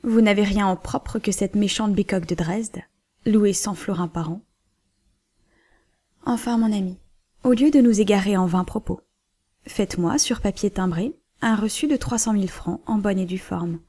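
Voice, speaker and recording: A woman reading the part of a cool, dignified banker's wife who schemes calmly. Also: mid-range voice, moderate pace, lightly acted. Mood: composed.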